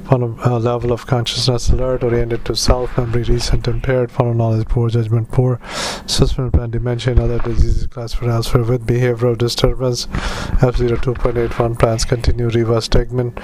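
A man speaking as a doctor doing medical dictation, in halting, clipped phrases with spoken punctuation. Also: medium pitch, monotone, a little mellow, slight background noise, poor audio. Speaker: doctor dictating clinical notes.

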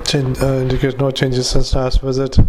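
A clinician dictating a patient report into a dictaphone, halting with frequent filler sounds and restarts. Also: male voice, medium pitch, completely flat delivery, darkish tone, slight background noise. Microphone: handheld dictaphone.

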